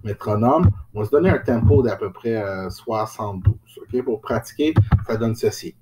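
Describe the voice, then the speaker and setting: A man's voice: lowish voice, moderate pace, background noise. A man teaching a music lesson, patiently explaining each step and chanting rhythm syllables in time with a beat.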